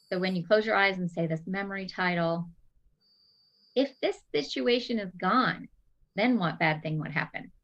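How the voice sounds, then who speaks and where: Female coach, guiding and patient, leading a class, slightly muffled audio. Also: fairly low pitch. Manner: guiding, talks through exercises with quoted self-talk. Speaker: brain-training coach. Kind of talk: teaching an online class.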